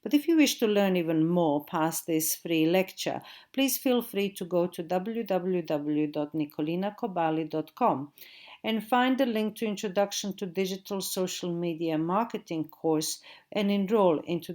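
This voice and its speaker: Speaking with a Croatian accent, a middle-aged woman from Croatia teaches digital marketing in a steady, recorded lecture, her voice slightly low. Whenever she spells out a web address, she slows down. Only the audio was recorded.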